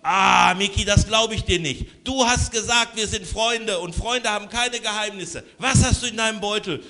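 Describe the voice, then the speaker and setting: A man's voice: on the high side, big pitch swings, unhurried, a bit bright, heavily acted. A man voicing Lubo, a young male hopping animal who sulks when his brother keeps a secret. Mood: accusing. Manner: indignant, sulky child-like pleading.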